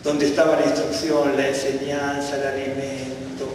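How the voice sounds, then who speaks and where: A man's voice: medium pitch, monotone, normal speed, darkish tone. A man gives a conversational Bible teaching, often checking that his listeners follow. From Argentina. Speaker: teacher at a congregation. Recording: echoey hall, mic far off, faint room noise.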